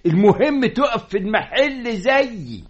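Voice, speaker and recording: Bossy egyptian dad who makes fezzes, bit husky and high, old radio play. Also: male voice, sing-song, a little slow, lo-fi sound, exaggerated voice. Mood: stern. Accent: Egyptian Arabic. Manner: domineering, blustering. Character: stern proud middle-aged fez-maker father. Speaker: father. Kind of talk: radio drama acting.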